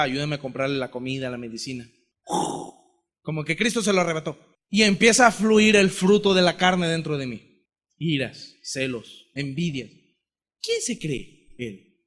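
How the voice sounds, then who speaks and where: A preacher from Ecuador gives a heartfelt testimony sermon, his voice high for a man and slightly bright. He speaks with impassioned energy, acting out conversations with God and with his brother.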